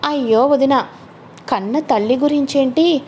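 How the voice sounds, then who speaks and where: A woman's voice: high-pitched, a little slow, a little mellow, a little hiss or hum. Woman voicing a taunting scheming sister. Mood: needling. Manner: taunting, needling questions. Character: scheming sharp-tongued woman of the family.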